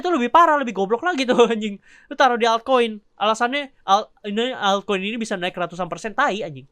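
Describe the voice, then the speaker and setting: A woman's voice: fairly high pitch, a bit bright, clear, resonant tone, no room sound, studio quality. A woman with Jakarta slang, ranting bluntly and profanely as a vlogger, scolding her viewers. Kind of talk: ranting commentary.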